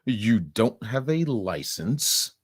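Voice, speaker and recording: A man's voice: on the low side, sing-song, slow, husky, no echo, clean studio sound. A man giving crude, sarcastic reaction commentary, mocking and swearing as he talks.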